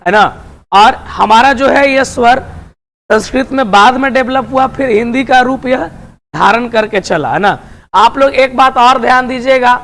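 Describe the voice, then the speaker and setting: A man's voice: very high voice, a bit bright. Guy teaching hindi grammar online, keeps going "right?" after everything, calls students dear and friends. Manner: repeats tag questions often. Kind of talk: online video lesson.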